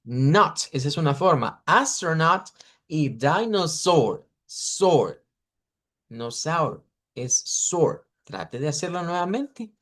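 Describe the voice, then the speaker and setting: A man teaching an English pronunciation class over a video call, patiently repeating model words slowly for his students. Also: a little high, sing-song, a bit bright. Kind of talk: online class correcting students.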